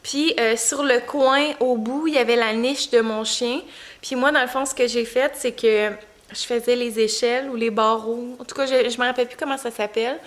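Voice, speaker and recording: A woman's voice: a little high, fairly even intonation, normal speed. A young woman with a Quebec French accent chats casually in a vlog, her articulation slightly off as if she has just bitten her tongue and it has swollen. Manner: informal, chatty storytelling. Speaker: vlogger and mother.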